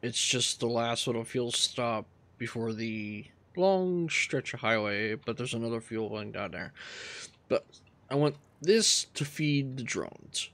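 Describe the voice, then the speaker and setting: A man casually talking through his gameplay, relaxed and rambling as he thinks aloud. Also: medium pitch, a little slow. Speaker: gaming channel host.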